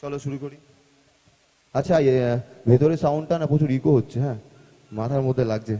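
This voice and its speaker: A male singer from West Bengal chatting with the crowd and sound crew between songs, his voice booming back with heavy hall echo through the stage speakers. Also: fairly quick. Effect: heavy cavernous hall echo. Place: large concert hall, live stage. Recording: booming echoey hall with loud live music.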